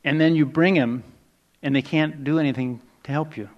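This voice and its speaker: Higher-pitched man preaching a sermon. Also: normal speed, muffled recording. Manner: conversational, reflective preaching with soft dips for quoted words.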